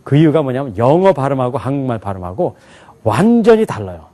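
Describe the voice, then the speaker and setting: A man teaching a class in a lively lecture style, often asking the students questions and laughing along. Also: medium pitch, fast talker. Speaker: English teacher at an alternative school.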